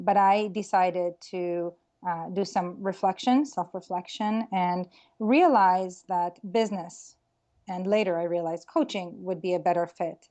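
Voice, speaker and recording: A woman's voice: fairly low pitch, warm tone. A middle-aged woman from Israel, a career coach, talking reflectively in an interview with frequent ums and restarts. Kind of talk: casual interview talk.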